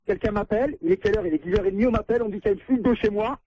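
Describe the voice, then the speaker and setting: A man's voice: high-pitched, very fast, no echo. Angry man on a muffled phone line. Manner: angry, insistent, repeating himself. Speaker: prank call victim, landlord.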